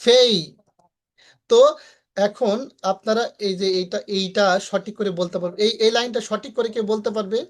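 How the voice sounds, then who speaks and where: A woman's voice: medium pitch, fairly even intonation. Patient Bengali-speaking woman teaching English. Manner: patient, repeats words slowly for students. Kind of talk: online class lesson.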